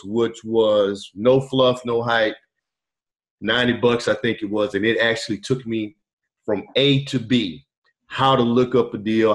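A middle-aged man, a podcast guest, telling his story in a relaxed, rambling way with many fillers over a video call. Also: fairly low pitch. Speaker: podcast guest, truck driver turned wholesaler. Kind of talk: casual storytelling interview. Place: indoor room, video call. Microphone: webcam on video call.

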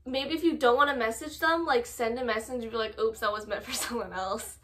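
A young woman in casual chat, reading messages aloud and giving advice in a halting, informal way. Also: fairly high pitch, noisy background. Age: young adult. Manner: halting, informal, filler-heavy. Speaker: co-host reading viewer confessions and giving advice. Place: small room at home, indoors.

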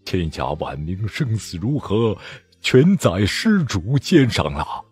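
A man's voice: rumbling low, a little slow, slightly rough, faint music behind, pitched below the performer's own voice, full character voice. A man voicing an anxious young male Buddhist monk in an audiobook, polite and pleading.

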